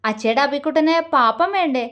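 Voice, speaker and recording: A woman's voice: sits high, a little fast, fairly bright tone. A woman storyteller voicing a young doctor and father who teases playfully and mocks with scorn. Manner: playful baby talk turning to scornful taunts. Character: teasing, mocking young man, a doctor and father.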